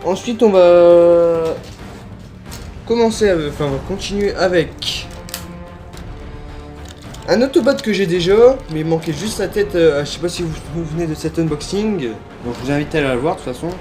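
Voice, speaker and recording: A toy collector vlogger with a slightly high, a little mellow voice talks animatedly and fairly quickly while unboxing toys, with soft music behind him. He's hesitant, full of fillers, and often corrects himself, filming on a handheld phone without a tripod.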